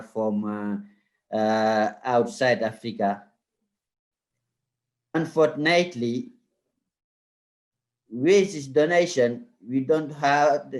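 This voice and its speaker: Slow-speaking man with a Senegalese French accent. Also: medium pitch. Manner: halting, deliberate phrasing in simple non-native English. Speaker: guest panelist, pharmacist. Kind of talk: panel discussion answer.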